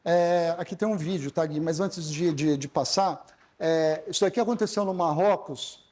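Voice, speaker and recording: A Brazilian man giving a corporate talk, telling a travel story in a halting way with many fillers and restarts. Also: fairly high pitch, darkish tone. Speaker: corporate speaker. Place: stage at a corporate event.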